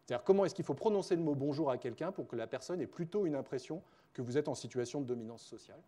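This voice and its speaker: A man's voice: mid-range voice, lively intonation, rapid-fire, warm tone. A man giving a spontaneous conference lecture as a researcher, chatty, with frequent fillers, self-corrections and wry joking asides.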